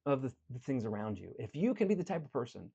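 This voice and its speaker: A man's voice: mid-range voice, fast, vocal fry, breathy edge. Earnest male coach, slightly muffled. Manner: earnest, direct, swings between animated and quiet. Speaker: life coach. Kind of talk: motivational talk with storytelling.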